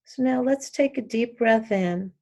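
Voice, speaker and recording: In a fairly high voice, a woman leads a yoga nidra relaxation meditation, offering short, calm instructions with long pauses between them.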